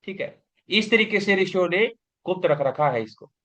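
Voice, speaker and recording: A man's voice: sits high, expressive, moderate pace, fairly bright tone. A man teaching a recorded yoga exam-prep lecture, explaining patiently and often asking and answering his own questions. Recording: dull lo-fi class recording.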